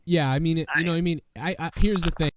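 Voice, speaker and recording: Against a noisy background, a male host talks fast in a steady, higher-pitched voice, rambling casually and profanely about a show. He's ill and his voice is going, and he keeps tossing in "you know what I mean."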